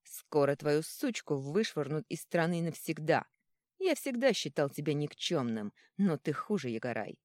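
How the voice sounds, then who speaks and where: A woman voicing a cruel, domineering noble father, cold and contemptuous, who bursts into shouting rage. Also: low-pitched, sing-song, normal speed, no echo, clean studio sound.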